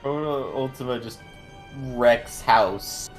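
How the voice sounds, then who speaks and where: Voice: medium pitch, slow pace, soft background music. A friend on a voice call, bantering casually and teasing.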